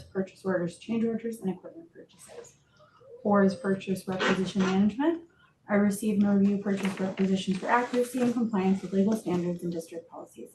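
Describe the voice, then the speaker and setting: A woman with a mellow, mid-pitched voice speaks as a meeting clerk in a procedural reading style. The recording is very roomy and echoey, with a faint rumble of noise behind her. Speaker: meeting clerk or staff member. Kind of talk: procedural talk and reading correspondence aloud.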